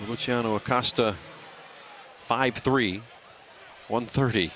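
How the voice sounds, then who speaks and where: A man doing live play-by-play soccer commentary, calling player names in brisk short bursts. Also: mid-range voice, fairly bright tone, a little hiss or hum.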